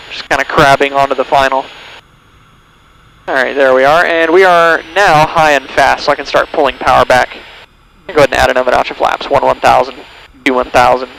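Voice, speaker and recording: A man with a medium-pitched, gravelly, slightly bright voice talks like a pilot on the radio, giving step-by-step instruction from a small plane's cockpit through a headset as he demonstrates pattern work. The noisy headset audio carries engine drone and radio noise.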